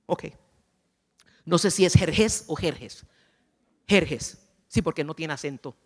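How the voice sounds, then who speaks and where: In a church conference hall, a woman delivers a chatty, playful sermon, often putting questions to her audience. Her voice is deep, slow and a bit breathy, and the large hall adds a long reverb.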